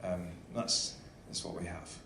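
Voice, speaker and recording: A man's voice: low-pitched, fairly even intonation, unhurried, gravelly. A man speaking as an upbeat cruise director, giving a joking welcome speech to a live audience over a microphone. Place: large indoor ship venue with audience. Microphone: stage microphone. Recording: roomy echo, faint background noise.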